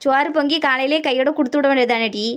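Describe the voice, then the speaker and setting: A woman voicing a practical, chiding neighbour woman in a cartoon comedy, brisk and matter-of-fact. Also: high voice, fairly even intonation, close to an everyday voice. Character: bossy neighbour woman, older-sister type, practical.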